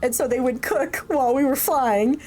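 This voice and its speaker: This military veteran in her thirties has a high, somewhat dark voice and talks at a moderate pace. She rambles through casual livestream chat and stories, packing in fillers and frequent laughter.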